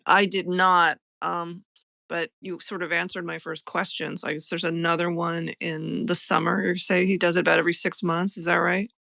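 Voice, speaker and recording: Creaky-voiced woman in casual chat. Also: fairly low pitch, level tone, normal speed, bright, forceful tone, no room sound. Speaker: participant asking questions.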